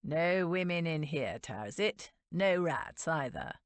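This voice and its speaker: A woman's voice: low voice, animated, slow pace, dry recording, exaggerated voice. A woman narrator voicing an arrogant duke with a dry, disdainful drawl in a romance audiobook. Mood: disdainful, smug.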